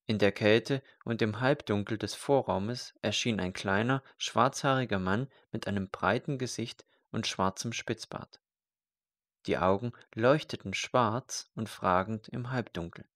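A man narrating an audiobook in a slow, measured reading. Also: fairly low pitch, a bit bright, no room sound, clean studio sound.

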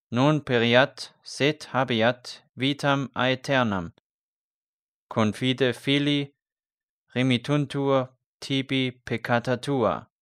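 A man's voice: medium pitch, a bit bright, clear, resonant tone, dry recording, clean studio sound. A man voicing a fervent male priest who urges a condemned prisoner toward faith with earnest intensity.

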